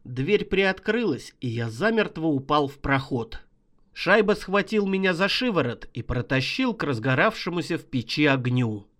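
A man reading a horror story aloud as an audiobook narrator, expressive and vivid. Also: fairly high pitch, normal speed.

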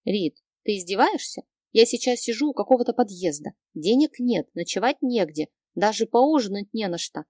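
A woman's voice: medium pitch, sing-song, normal speed, few pauses, a little mellow, no room sound, clean studio sound. A woman voicing an upset young heroine, tearful and pleading, in an audiobook reading.

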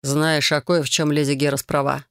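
Woman reading a calm young guy, lowish voice, dry close sound. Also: normal speed, no room sound. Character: calm young male lover, a dean. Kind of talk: audiobook character voice.

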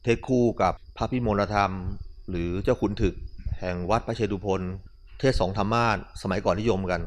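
Male monk, fairly low voice; relaxed, conversational dharma-talk storyteller. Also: brisk. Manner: relaxed, conversational, with colloquial asides. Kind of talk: casual storytelling sermon.

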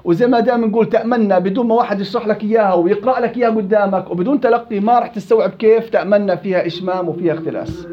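A man's voice: high voice, rapid-fire, hardly any pauses, lo-fi sound, a little hiss or hum. A man teaching a recitation class, quizzing students and repeating words to demonstrate them. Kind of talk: classroom lesson.

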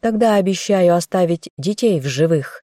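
A woman voicing an arrogant, treacherous young man, a squire in armor who shouts threats. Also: lowish voice, expressive, normal speed, no echo, clean studio sound, close to an everyday voice. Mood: threatening. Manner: shouting, menacing.

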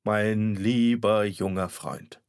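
A solemn family doctor, as a man reading a story plays him speaks slowly in a low voice, halting between phrases. The recording is dry and close. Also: steady tone, clear, resonant tone, no room sound. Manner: slow, grave, halting.

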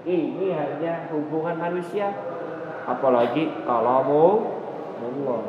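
A man teaching a religious study lecture, lively, often checking with his listeners whether they follow. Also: on the high side, unhurried. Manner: lively, asks the audience "paham?" often, talks with them. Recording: echoey hall, dull muffled sound, noisy.

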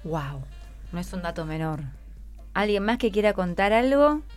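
Speaking at a moderate pace in a medium-pitched, expressive voice that is clear and resonant, a woman hosts a radio show from the studio. With her Argentine accent, she chats casually and effusively, encouraging the schoolchildren she's interviewing, and faint music sits in the background.

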